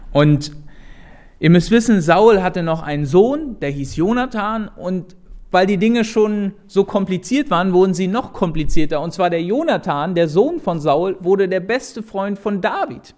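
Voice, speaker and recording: Animated high-voiced male Bible storyteller. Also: unhurried. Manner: animated, addressing listeners directly. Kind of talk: lively Bible storytelling to an audience.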